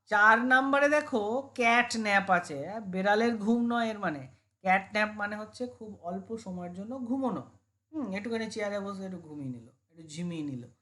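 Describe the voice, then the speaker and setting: A woman's voice: medium pitch, a bit bright. Bengali-accented woman teaching English idioms. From India. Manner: explains slowly, reads English examples deliberately; asks and answers her own questions. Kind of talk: exam-prep idiom lesson.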